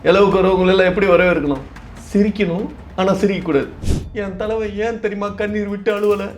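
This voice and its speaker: A man's voice: sits high, fairly even intonation, fairly quick, a little hiss or hum. A man being interviewed. He talks in a theatrical way, wails for effect and lectures. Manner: theatrical, mock-wailing, lecturing. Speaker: interviewee, party supporter. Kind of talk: dramatic emotional interview talk.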